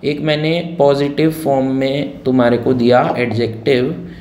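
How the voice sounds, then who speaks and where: A man's voice: mid-range voice, level tone, unhurried, a little mellow. A male grammar teacher leading a classroom lesson, repeating key words and firing check questions at his students. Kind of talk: classroom grammar lesson in Hindi mixed with English. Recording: roomy echo with faint noise.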